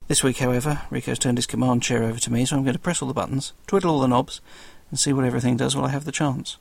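A man's voice: medium pitch, fairly even intonation, racing, vocal fry, a little hiss or hum. A man with a South London accent hosting a podcast solo, chatting casually in a dry, self-deprecating way. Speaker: guest podcast host.

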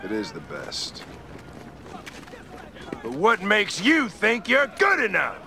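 A man's voice: high voice, wildly swooping pitch, takes it slowly, sharp tone, full character voice. A man playing a hard, barking military drill instructor in a film. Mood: stern, challenging. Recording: film soundtrack with clear background noise.

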